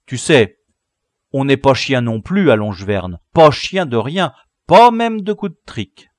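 A man voicing a rowdy village boy who leads his gang, loud, jeering and commanding. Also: medium pitch, big pitch swings, measured pace, no room sound, clean studio sound, pitched above the performer's own voice. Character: rowdy village boy leader, gleeful, bossy.

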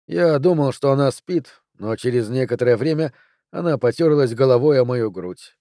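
Calm man narrating an audiobook, warm mellow voice, dry close mic. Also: medium pitch, moderate pace, no room sound. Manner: calm, even, first-person storytelling. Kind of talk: scripted narration.

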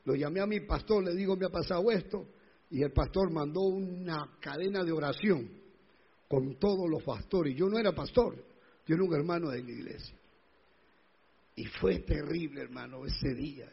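Gravelly-voiced man preaching a testimony. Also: fairly high pitch, normal speed, dull audio. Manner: emotional storytelling, rising to loud pleading. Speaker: pastor. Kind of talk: sermon testimony.

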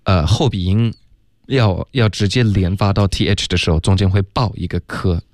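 A man's voice: low voice, moderate pace, darkish tone, no echo, studio quality. A man teaching English pronunciation on a radio lesson, explaining step by step and saying "OK" often. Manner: patient, step-by-step, frequent "OK" and "嗯". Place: radio studio.

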